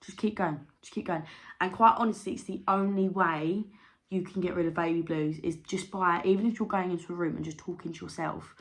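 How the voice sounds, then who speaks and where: A woman's voice: fairly low pitch, steady tone, brisk. A young woman chatting candidly to camera as a vlogger, rambling with fillers. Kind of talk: casual chat to camera.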